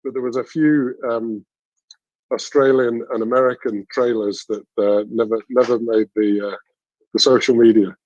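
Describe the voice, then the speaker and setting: A man chatting on a charity livestream, halting and full of dry self-deprecating humour. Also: medium pitch, fairly even intonation, a little mellow, no echo, highs cut off. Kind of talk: casual video-call chat.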